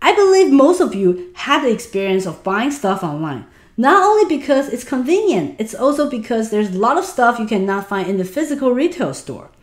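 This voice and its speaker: A woman's voice: a little high, very animated, normal speed, reverberant. A woman in her thirties from Taiwan, speaking with a Mandarin accent, presents a webinar and asks her audience questions directly. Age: 30s. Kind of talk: online business webinar.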